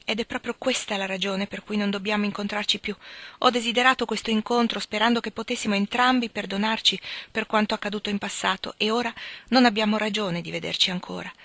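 A woman's voice: medium pitch, fairly bright tone, no echo. A woman reading a resolute torn young woman. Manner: firm and earnest. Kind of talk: audiobook reading.

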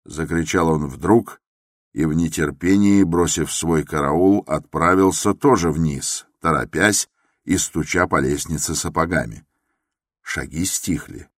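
Deep male audiobook narrator, slow, measured, tense classic-novel reading. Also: dry recording, studio quality.

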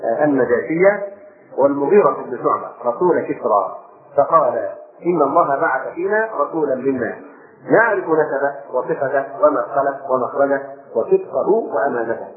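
Egyptian male preacher, brisk lecturing delivery, tinny lo-fi recording with audience behind. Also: mid-range voice, expressive. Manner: lecturing, repeating phrases for emphasis. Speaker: sheikh giving Quran commentary. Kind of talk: recorded religious lesson. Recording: tinny phone-like recording with crowd.

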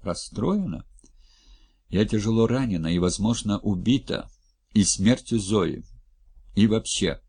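A man giving voice to a shaken young woman who pleads with her companions, then speaks low and weary. The voice is husky with some gravel. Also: animated, measured pace, long pauses, dark tone, full character voice. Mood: pleading.

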